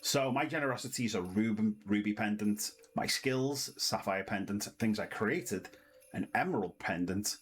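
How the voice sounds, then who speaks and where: A man's voice: lowish voice, moderate pace, low-quality recording. A British man doing casual let's-play commentary, chatty and reading the game's text aloud in a sing-song way. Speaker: gaming channel host.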